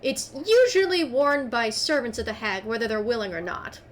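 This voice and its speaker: A woman running a tabletop game as game master, narrating scenes in an animated, descriptive way. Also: fairly high pitch, normal speed, a little hiss or hum.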